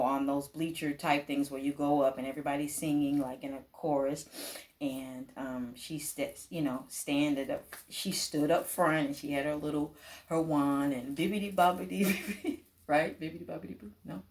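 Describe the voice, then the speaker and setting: A woman casually telling a personal childhood story to her viewers, chatty and lively, laughing often and acting out the voices of people in it. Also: low-pitched. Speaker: vlogger.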